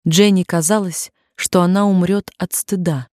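Mellow, low-voiced woman narrating an audiobook. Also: fairly even intonation, normal speed, no echo, studio quality.

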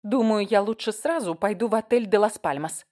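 A woman's voice: mid-range voice, brisk, a little mellow, voice pushed up, natural voice. A woman voicing an anxious, fragile married woman who speaks in a tense, pleading way in an audiobook. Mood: desperate.

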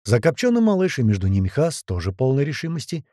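Man reading a tense audiobook story, mellow husky voice, dry sound. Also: mid-range voice, very animated, fast, no echo. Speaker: audiobook narrator. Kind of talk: first-person audiobook reading.

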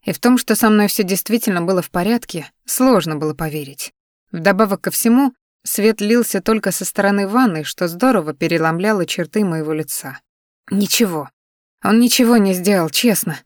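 A woman narrating a first-person story in an even, measured audiobook reading. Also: mid-range voice, no room sound, studio quality.

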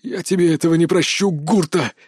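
A man voicing a young male senior student, a brawler who shouts, wheezes in pain and threatens revenge. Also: a little high, steady tone, brisk, husky, dry recording, clean studio sound. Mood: threatening.

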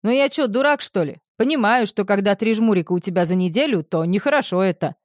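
A woman's voice: medium pitch, animated, fast talker, dry recording, studio quality, close to an everyday voice. A woman reading the part of a crude, dismissive man who talks in blunt slang in an audiobook. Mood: mocking.

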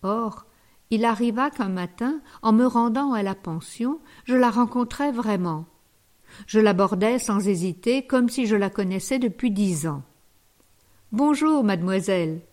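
A woman reading a classic short story aloud as an audiobook narrator, calm and measured. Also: on the high side. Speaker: audiobook reader. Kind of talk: scripted narration.

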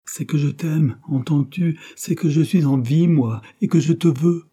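A man's voice: fairly high pitch, measured pace, dark tone, breathy edge, voice pushed up. A man reading a novel aloud, voicing a passionate young woman who pleads urgently with her lover. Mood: pleading passionately. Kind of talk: audiobook character reading.

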